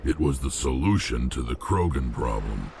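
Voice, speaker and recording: A man voicing a blunt, brooding, angry alien warrior in a video game, with a gruff, gravelly rumble. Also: animated, normal speed. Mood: defiant. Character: angry, gruff alien krogan warrior, loyal but wary. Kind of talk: dramatic video game acting.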